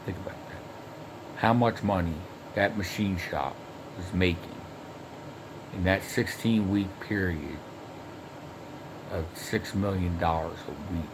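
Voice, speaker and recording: A man's voice: low voice, fairly even intonation, slow pace, pauses often, noisy background. A man telling a rambling first-person story, swearing constantly and restarting his sentences again and again. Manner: heavily profane, rambling, with frequent restarts and fillers.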